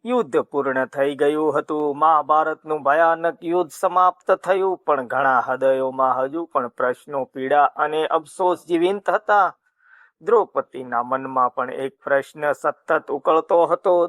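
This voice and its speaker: A man narrating a scripted mythological story in a steady, even way, announcing each section. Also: on the high side, measured pace, no echo.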